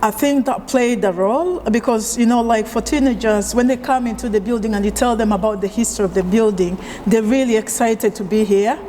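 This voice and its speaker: A woman from Uganda speaks as a chef in an oral history interview, with a mellow, mid-pitched voice. She talks in a relaxed, chatty way, full of small fillers and restarts. The recording has a long hall reverb and a faint hum of noise behind it. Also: brisk, few pauses. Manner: relaxed, conversational with frequent fillers.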